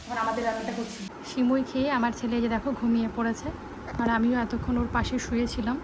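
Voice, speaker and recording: Fast, high-voiced chatty young woman. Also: little pitch movement, noisy background. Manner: chatty, rambling. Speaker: vlogger and mother. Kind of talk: casual home vlog chat. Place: at home, indoors.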